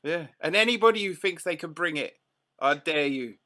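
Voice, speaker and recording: A man's voice: on the high side, expressive, moderate pace, bright, forceful tone. A man hosting an open mic live stream with playful, jokey, teasing banter.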